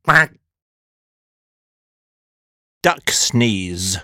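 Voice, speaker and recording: Man, deadpan announcer, slow, dry close voice, comedy sound effects. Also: lowish voice, no room sound.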